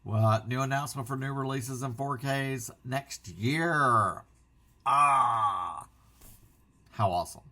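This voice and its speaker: A man hosting a casual vlog, talking in an excitable, rambling way and interrupting himself often. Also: medium pitch, takes it slowly. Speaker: physical media channel host.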